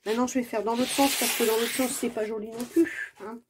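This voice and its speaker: Woman vlogger, playful and self-mocking, bright and a bit high, faint crinkle behind. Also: steady tone, a little fast, background noise. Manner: chatty and exclamatory, many fillers. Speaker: diamond painting vlogger. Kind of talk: casual unboxing chat to viewers.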